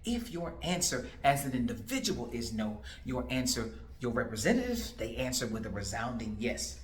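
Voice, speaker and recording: A man's voice: medium pitch, very animated, moderate pace, a little hiss or hum. A man in his forties, a political candidate, talking straight to the viewer in an emphatic, repetitive way full of rhetorical questions. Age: 40s. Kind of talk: direct-to-camera political commentary. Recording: roomy echo.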